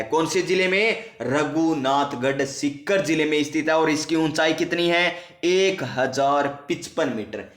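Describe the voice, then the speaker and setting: A man's voice: fairly high pitch, a bit bright, reverberant. A male teacher giving an exam-prep geography lesson, asking and answering his own questions and repeating key facts. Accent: Rajasthani.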